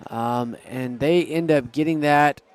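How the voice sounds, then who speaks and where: A man's voice: on the high side, takes it slowly, a little mellow, clean tone. A man doing live play-by-play commentary on a school football game, eager and groaning when plays go wrong. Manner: eager, pleads with referees, groans at setbacks.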